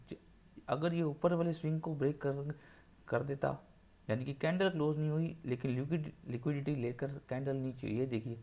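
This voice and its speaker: Male trading teacher, mid-pitched, insistent and repetitive, walks through charts on screen. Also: vocal fry, dark tone. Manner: insistent, repeats points for emphasis. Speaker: trading educator. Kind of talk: screen-share chart tutorial.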